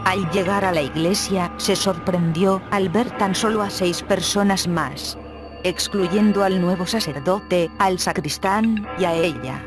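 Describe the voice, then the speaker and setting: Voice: medium pitch, unhurried, over music. Synthetic voice reading horror stories. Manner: even, steady synthetic reading. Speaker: narrator. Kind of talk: scripted horror story narration.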